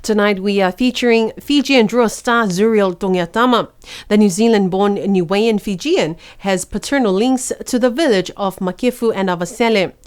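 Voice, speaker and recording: A woman presenting the news, reading a script with clear, measured delivery. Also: medium pitch, a little mellow.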